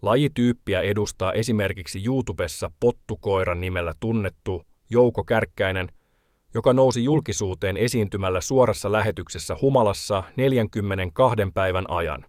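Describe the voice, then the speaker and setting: Male reporter, lowish register, measured feature voice-over, dry booth sound. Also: a little mellow, dry recording. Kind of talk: scripted documentary narration.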